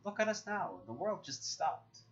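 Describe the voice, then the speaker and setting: A man's voice: sits high, very animated, moderate pace. A man co-hosting a casual podcast, talking loosely with swearing and calling his friend bro and dude. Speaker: podcast co-host. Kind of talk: casual chat. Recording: dull lo-fi sound.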